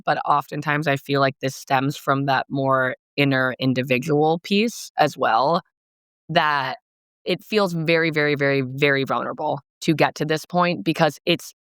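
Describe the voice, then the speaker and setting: A young woman co-host who works her ideas out as she speaks, with long, searching sentences. Her voice is clear and polished, and the recording is close and dry. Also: low-pitched, a bit bright, no echo. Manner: reflective, thinks aloud in long winding sentences. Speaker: podcast co-host. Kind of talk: casual podcast chat.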